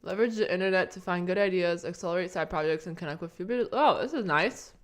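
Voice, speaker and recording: A woman's voice: lowish voice, fast. A young woman chatting casually on a live stream, meandering and talking to herself while she eats breakfast at her desk.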